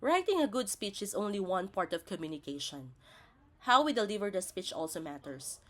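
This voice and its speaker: In scripted instructional narration, a woman teaches a lesson, walking through each point step by step in a didactic manner. Her voice sits at medium pitch and sounds slightly bright, and she speaks quite quickly with lots of animation.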